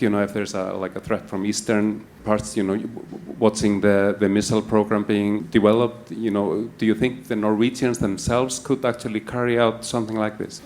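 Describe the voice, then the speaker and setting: A man's voice: on the low side, a little mellow. A man asking a long, hesitant question from the audience at a live event. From Iceland. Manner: rambling, hesitant, full of fillers.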